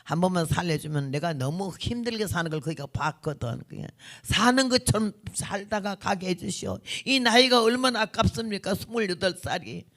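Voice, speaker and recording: Woman doing tearful elderly deaconess, Jeolla dialect, pleading prayer, gravelly, louder and higher than the preacher's own telling. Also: animated, moderate pace, hardly any pauses. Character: elderly countrywoman deaconess praying in tears.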